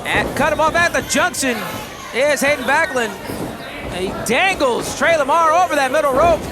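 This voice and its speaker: High-pitched male wrestling commentator over loud crowd. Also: animated, moderate pace. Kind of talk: live pro wrestling play-by-play commentary. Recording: loud music and crowd noise behind. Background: loud music and a noisy crowd.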